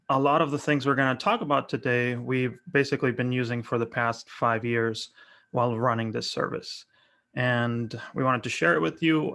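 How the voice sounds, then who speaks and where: A man from Argentina presenting a software workshop over a video call, friendly and relaxed with frequent fillers. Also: mid-range voice. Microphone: webcam video call.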